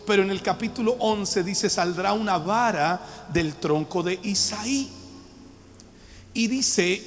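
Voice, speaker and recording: A man preaching a Bible teaching to a live congregation, emphatic and calling on the listeners to respond. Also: high-pitched. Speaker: pastor teaching a Bible study. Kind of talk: sermon-style Bible teaching. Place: church hall with a live audience. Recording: long hall reverb with faint background music.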